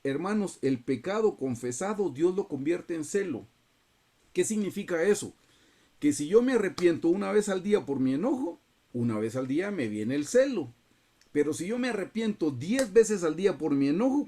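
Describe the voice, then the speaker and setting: Male Bible teacher, slightly high, mellow tone, earnest preaching over video call. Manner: earnest, repeatedly addresses listeners as brothers.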